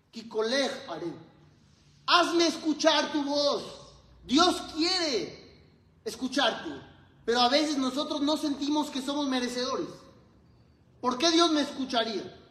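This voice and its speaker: High-pitched rabbi preaching, tells stories and acts out the quotes, echoey hall sound. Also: male voice, a bit bright. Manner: storytelling, acts out dialogue in quotes. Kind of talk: sermon.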